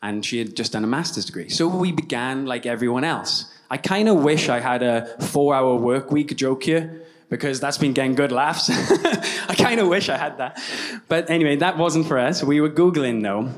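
A young man from Wales, with a Welsh accent, gives a keynote on a large conference hall stage, telling stories with self-deprecating humor into a handheld mic. His mid-range voice is animated and his speed normal.

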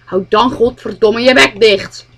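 A woman's voice: fairly high pitch, unhurried. A woman voicing a short-tempered mother who scolds and swears crudely at her child. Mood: scolding.

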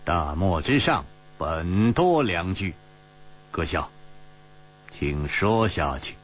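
A man doing a calm, composed hero. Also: deep voice, slow, highs cut off, slight background noise, pitched below the performer's own voice, exaggerated voice.

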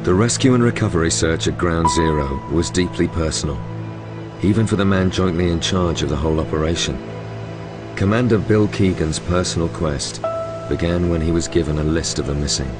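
A man giving grave, measured scripted narration for a documentary voice-over. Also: low voice. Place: studio voice-over. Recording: loud music bed behind.

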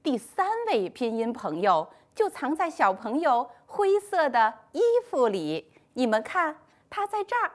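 Slow, bright-toned woman teaching small kids. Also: sits high, big pitch swings. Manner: slow, sing-song, encouraging teacher talk. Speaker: primary school teacher. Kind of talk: scripted online lesson for young children.

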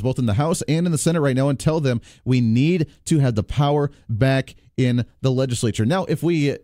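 A man with a fairly high, mellow voice hosts a political call-in radio show from a studio, speaking emphatically and persuasively to rally his listeners. A close studio microphone gives clean, dry sound.

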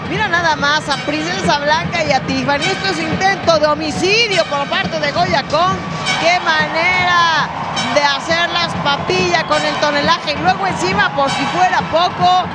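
Mexican lady wrestling commentator, super high voice, playful n exclaiming, loud crowd all around. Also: fairly even intonation, moderate pace, over loud music, low-quality recording. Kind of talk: excited lucha libre wrestling commentary. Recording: loud arena crowd noise behind. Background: roaring wrestling crowd.

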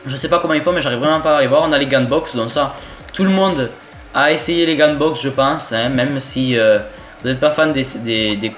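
A young man from southern France with a southern French accent, giving excitable, swearing gameplay commentary as he plays an online shooter. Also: mid-range voice, normal speed. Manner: excitable, swears often, jokey asides. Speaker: gaming YouTuber. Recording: roomy home recording with game music.

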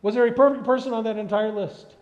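A middle-aged man preaches from a large church stage, his voice sitting fairly high. He keeps putting questions to the congregation in an animated, conversational way. The sound is a little muffled, with long reverb rolling through the hall. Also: fast. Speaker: pastor. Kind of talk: sermon.

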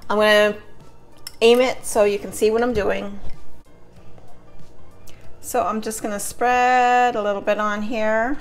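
A woman's voice: medium pitch, steady tone, measured pace, pauses often, soft background music. A middle-aged woman chatting casually as she demonstrates a recipe at home in her kitchen. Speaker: home cooking vlogger.

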